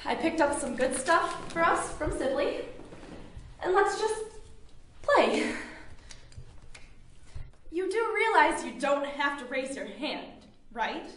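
Woman as bossy young bassoonist, very high voice. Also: very animated, slow pace, long pauses, a bit bright, distant mic, full character voice. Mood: bossy, strained. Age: 20s. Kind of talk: scripted student comedy film acting. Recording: echoey room, off the mic.

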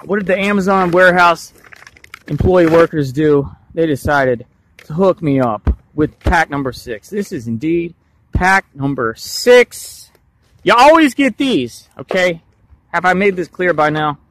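A man hosting a casual toy unboxing vlog, jokey and animated, swinging between loud hype and quick mumbled asides. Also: a little high. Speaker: toy review host.

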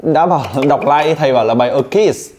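A man teaching English pronunciation one-on-one, teasing and drilling his student with quick questions. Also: on the high side, darkish tone.

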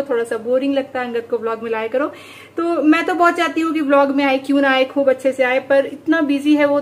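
A young woman vlogging at home, chatting very fast and easily. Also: high-pitched, darkish tone. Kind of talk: casual home vlog chat.

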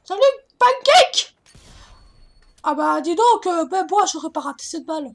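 A very high, squeaky child voice, morphed by a voice changer. The kid is bratty and boastful, swooping around in pitch while needling other players in a video game. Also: big pitch swings, unhurried, fairly bright tone, full character voice. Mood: cheeky. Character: squeaky, bragging eight-year-old child, voice-changer troll.

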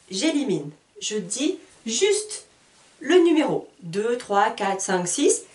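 A woman's voice: fairly high pitch, darkish tone. A woman teaching a beginners' lesson, spelling words letter by letter and repeating her examples carefully. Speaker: French teacher. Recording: roomy sound, voice a bit far from the mic.

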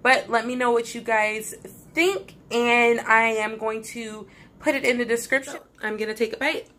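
Bright, chatty woman vlogger. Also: a little high, moderate pace. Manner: chatty, talks to viewers directly. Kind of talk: casual cooking vlog.

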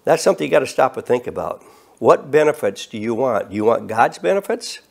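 Gravelly eighty-year-old man preaching. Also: mid-range voice, lively intonation, darkish tone. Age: 80s. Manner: earnest, measured preaching with emphatic rises. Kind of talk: sermon. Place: studio set with bookshelves and flags.

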